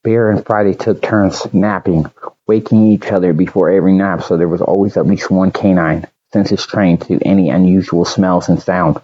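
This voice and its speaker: A man narrating a storybook audiobook in a measured, slightly halting reading. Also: low-pitched, fairly even intonation, mellow, dull audio.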